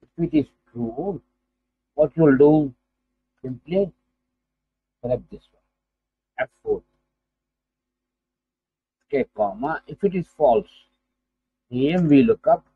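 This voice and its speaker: A man with an Indian accent teaching a software tutorial, dictating steps aloud piece by piece and repeating himself. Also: slow, long pauses, husky, no room sound. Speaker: spreadsheet tutorial instructor. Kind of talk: screen-recorded software tutorial. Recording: muffled, low-fi, phone-like microphone sound.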